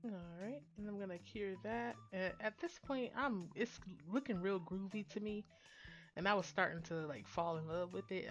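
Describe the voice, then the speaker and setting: A woman narrating her nail art tutorial in a casual, chatty voice-over that rambles with fillers and restarts. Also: mid-range voice.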